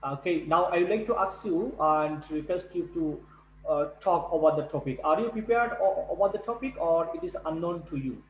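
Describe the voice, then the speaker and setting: Tutor guy on a video call, high voice, roomy echo, faint hum, keeps restarting. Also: lively intonation, highs cut off. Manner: halting, repeats words, non-native English. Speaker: English test tutor. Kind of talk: online speaking class.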